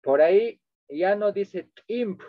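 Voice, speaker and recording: A man with a slightly raised pitch gives an online lecture as a translation instructor, moving between two languages and pausing to ask whether his listeners follow. His voice comes through dry and close, with no room around it. The video-call audio sounds dull and lo-fi. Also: expressive, dry recording. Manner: explanatory, checks in with listeners often; switches between two languages while teaching.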